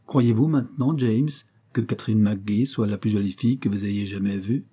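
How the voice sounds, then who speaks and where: A man's voice: lowish voice, normal speed, mellow, husky. A man doing a teasing young sister. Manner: playful, mocking.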